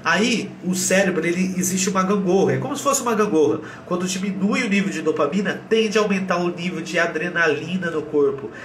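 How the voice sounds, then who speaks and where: High-voiced Brazilian man coaching viewers live. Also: brisk, few pauses, slight background noise. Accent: Brazilian Portuguese. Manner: energetic, direct coaching with blunt slang. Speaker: doctor giving a live talk on depression. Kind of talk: live motivational lesson to viewers. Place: warm room with an air cooler running. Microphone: camera set back from him. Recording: roomy echo, voice from a distance.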